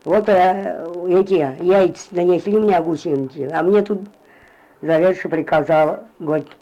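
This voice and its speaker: In a lo-fi field recording, an elderly village woman who once worked on farms shares meandering, repetitive memories at a moderate pace. Her dark, lowish voice often fades into a mumble as each phrase ends.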